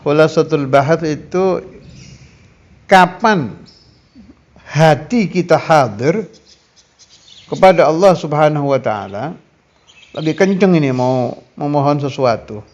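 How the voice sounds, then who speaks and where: A man's voice: a little high, lively intonation, takes it slowly, pauses often, a little mellow. A man preaching a sermon, earnest and emphatic, weaving in Arabic recitations. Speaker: Islamic preacher. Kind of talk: sermon teaching.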